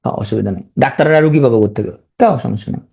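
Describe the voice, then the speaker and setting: A spelling teacher, who sounds out words slowly syllable by syllable and repeats them, with joking asides to a large class. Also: mid-range voice, expressive, gravelly, a little mellow, slightly rough.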